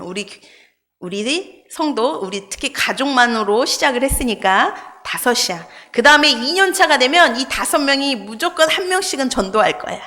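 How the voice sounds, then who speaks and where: High-voiced woman pastor telling a lively sermon story. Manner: lively storytelling, acting out dialogue with humor. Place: church sanctuary.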